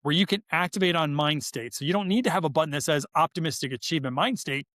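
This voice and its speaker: A behavioral scientist and author, guesting on a podcast, speaks quickly in a fairly high, slightly bright voice. His explanations are conversational and emphatic, with words repeated for stress, and the recording is dry and clean, studio-quality.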